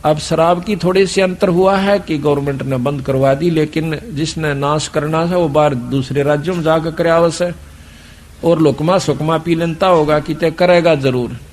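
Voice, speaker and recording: A man's voice: a little high, fairly even intonation, moderate pace, a little hiss or hum. A man with a Haryanvi accent preaching a sermon at a satsang gathering, earnest and admonishing. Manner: earnest, admonishing, rustic dialect.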